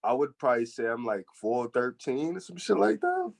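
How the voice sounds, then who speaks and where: A man's voice: medium pitch, huge pitch swings, moderate pace, vocal fry. A man from New Jersey chatting casually as a podcast guest, with slangy, profane wording. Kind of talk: casual chat.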